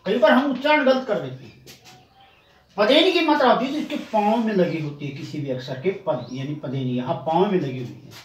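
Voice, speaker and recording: A man with a high voice teaches spelling to a class. He breaks words into slow, drawn-out syllables and explains each rule step by step. He sits some way from the mic in an echoey room with faint noise behind. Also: distant mic. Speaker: Hindi coaching teacher. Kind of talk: classroom spelling lesson at a board.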